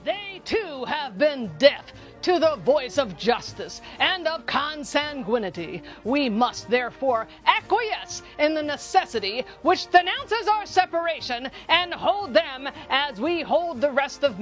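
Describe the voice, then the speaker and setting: A woman's voice: high-pitched, very animated, measured pace, few pauses, faint music behind. A woman giving a theatrical recitation of a historical document as a horror host.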